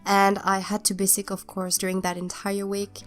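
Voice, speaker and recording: A young woman, not a native English speaker, narrates a speed build on YouTube in a mid-range, monotone voice at a moderate pace, stuffed-up from a cold. Her casual voiceover rambles hesitantly with many restarts, and faint music plays behind.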